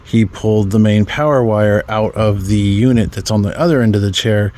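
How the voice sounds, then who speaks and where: A man's voice: lowish voice, steady tone, moderate pace, darkish tone, slight background noise. A man giving casual, rambling commentary outdoors while working on his own vehicle, full of ums and mild swearing. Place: outdoors in a yard beside a vehicle.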